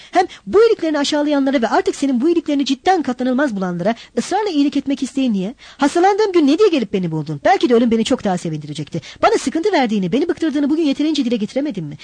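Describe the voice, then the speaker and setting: A woman's voice: sits high, sing-song, very fast, few pauses, darkish tone, no room sound, voice pushed up. A woman reading an audiobook, voicing a weary young man who bitterly begs to be left alone. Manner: bitter, pleading. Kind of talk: audiobook character voice.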